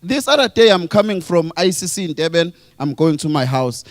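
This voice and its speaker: A South African man doing an animated stand-up comedy set, acting out scenes. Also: a little high, brisk, dry recording. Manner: animated, chants and acts out scenes.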